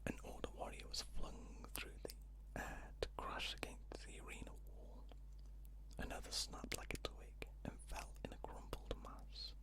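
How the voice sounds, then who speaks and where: A narrator reading a fantasy story aloud in a breathy ASMR whisper, close to the microphone, deliberately and with pauses between short phrases. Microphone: close ear-to-ear stereo microphone.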